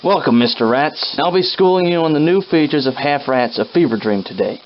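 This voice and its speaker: A man's voice: on the high side, lively intonation, brisk, muffled recording, slight background noise, natural voice. A man playing a plucky, loyal army private in a video game, with an old-fashioned folksy soldier's way of speaking. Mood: jaunty, instructing. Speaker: game character companion. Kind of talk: scripted video game character acting, old-time dialect.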